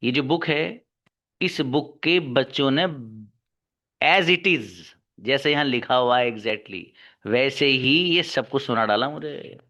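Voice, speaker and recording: A man's voice: medium pitch, slow, pushed and bright. A male English teacher lecturing his class, scolding and exhorting his students to work hard. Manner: scolding, exhorting, calls students son and daughter. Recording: dull lo-fi recording.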